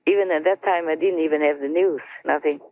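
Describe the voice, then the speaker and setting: A woman slowly telling a story to her team over a conference line, chatty and laughing between phrases. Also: low voice. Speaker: spiritual teacher telling a story. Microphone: phone or conference line. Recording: tinny dry phone line.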